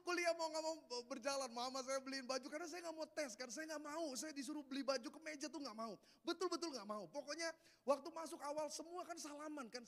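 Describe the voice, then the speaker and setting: A man's voice: very high voice, a bit bright. A man with an Indonesian accent preaching a sermon as pastor, telling humorous stories in casual slang. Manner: storytelling with humor and laughter, Jakarta slang. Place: church hall. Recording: long hall reverb.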